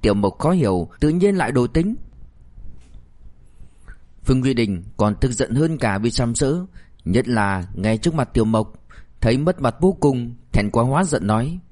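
Male audiobook narrator; even, steady reading at middle pitch. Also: normal speed, pauses often. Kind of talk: scripted novel narration.

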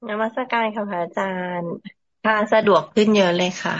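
A woman's voice: mid-range voice, steady tone, normal speed. A woman on a video call speaks to the monk in a polite, respectful way about transcribing his talks. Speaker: follower and transcriber. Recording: dull, muffled call audio.

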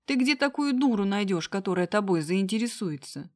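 A woman voicing a hysterical, spoiled young woman who squeals insults in a high, loud voice. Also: lively intonation, normal speed, natural voice. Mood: shrieking scorn.

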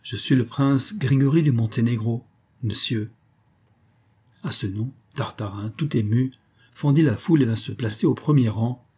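Husky man reading a classic novel. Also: mid-range voice, mellow. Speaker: audiobook narrator. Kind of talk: scripted narration.

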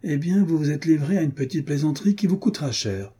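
A man's voice: fairly high pitch, lively intonation, fast talker, mellow, slightly rough, voice pushed up. A man voicing a cocky male reservist who taunts an officer. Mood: mocking. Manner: insolent and taunting.

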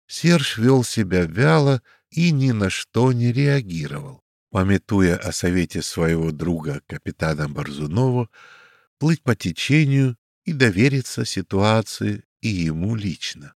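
A man narrating a detective story as an audiobook reader, in steady storytelling. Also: lowish voice, a little slow, no echo, studio quality. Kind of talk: scripted narration.

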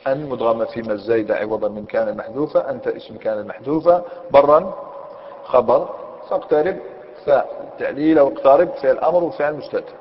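Male grammar teacher, mid-pitched, methodical with frequent questions to the class; dull recording, long hall reverb. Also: fast talker, slight background noise. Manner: explains step by step, asks students questions. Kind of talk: Arabic grammar lesson.

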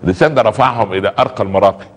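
A very low-voiced man with an Egyptian Arabic accent preaches in a chatty, colloquial way, peppering his talk with pious exclamations. He speaks quickly, and his voice carries a long reverb from the space. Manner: conversational, repeats pious exclamations, acts out little dialogues.

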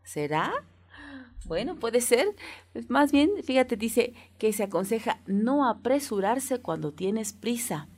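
A woman's voice: fairly high pitch, animated, slow pace, darkish tone. A woman hosting a children's radio show, patiently explaining a saying and asking the young listeners questions. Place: community radio studio.

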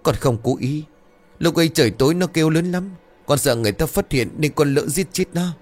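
A man's voice: medium pitch, big pitch swings, brisk. A man voicing a guilty, terrified young village man who pleads and stammers before his father. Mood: pleading.

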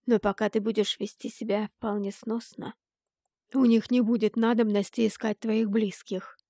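Woman voicing a composed, unbending older woman; hushed, measured, slightly gravelly. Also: medium pitch, dry recording, studio quality, lightly acted. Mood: pleading. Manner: calm, quiet, slow and measured. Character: calm, unyielding woman, a mother with a secret.

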